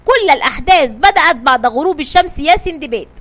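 A woman's voice: high-pitched, lively intonation, quick pace, fairly bright tone. A woman reading a tense, anxious male ship's mate. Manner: tense and worried. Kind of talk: storybook reading.

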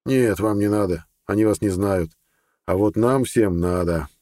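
A man's voice: lowish voice, measured pace, mellow, dry recording, clean studio sound, lightly acted. A man voicing a determined young man in an audiobook, terse and urgent.

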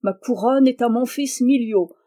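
Une femme jouant un vieux roi courtois. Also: female voice, on the high side, a little slow, dark tone, pitched above the performer's own voice, lightly acted. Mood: delighted. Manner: courtly, enthusiastic. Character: old king, delighted and courtly.

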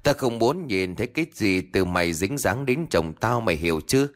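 A man doing a jealous young rich woman in a spoken ghost story, hissing threats in a low voice with a wide pitch swing. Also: lively intonation, a little fast, natural voice. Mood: threatening.

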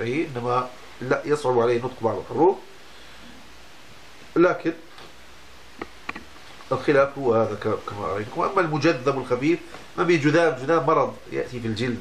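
A man's voice: medium pitch, a little hiss or hum. A man, a religious teacher giving a lesson on Islamic law, explaining patiently and often breaking off to restart a word. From Morocco.

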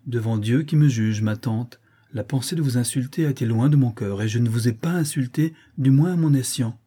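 A man's voice: mid-range voice, a little fast, dark tone, breathy edge, lightly acted. A man reading aloud voicing a proud young woman who answers firmly and respectfully. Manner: firm, respectful, defiant.

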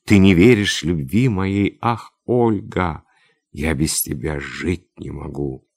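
Deep pushy general, insistent and bossy, the reader voicing him, dry close sound. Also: male voice, takes it slowly, vocal fry, darkish tone, husky, no room sound, heavily acted. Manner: insistent, wheedling then commanding. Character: domineering older general, pushy suitor.

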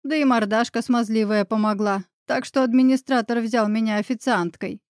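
A woman's voice: steady tone, normal speed, no room sound, close to an everyday voice. A woman reading the part of a bitter, defensive middle-aged woman in an audiobook, voice close and dry. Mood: bitter confession. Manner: shrill and defensive. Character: bitter scheming middle-aged woman, future mother-in-law.

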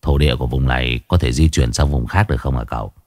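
A man voicing a clumsy, whining male sidekick in a low, deepened voice. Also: fast talker, darkish tone, no echo, studio quality. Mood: musing.

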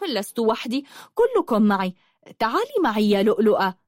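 A woman voicing a curious, bold young girl in a storybook, eager and excited. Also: on the high side, brisk, dry recording, studio quality.

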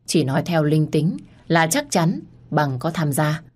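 A woman narrating a first-person audio story in a calm, intimate manner. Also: low-pitched, measured pace.

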